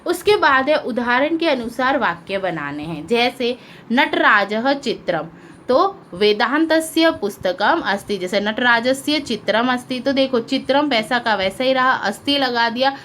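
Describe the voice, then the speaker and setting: Woman teacher, patient, questioning the class, slightly high voice, faint background hiss. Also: animated, unhurried, a bit bright. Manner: patient, asks pupils questions, translates line by line. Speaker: school teacher. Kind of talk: explaining a Sanskrit lesson in Hindi.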